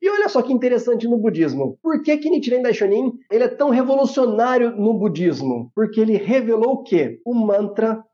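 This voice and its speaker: A man's voice: very high-pitched, big pitch swings, brisk, hardly any pauses, warm tone, lo-fi sound. A man co-hosting a podcast who explains points in a teacherly way, asking rhetorical questions and tagging lines with "né?". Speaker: podcast co-host. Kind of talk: explanatory casual talk.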